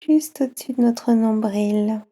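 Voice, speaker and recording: This is a slow yoga nidra relaxation for children, led by a woman with a French accent who speaks gently and calmly, leaving long pauses. Her voice leans high and carries a breathy edge.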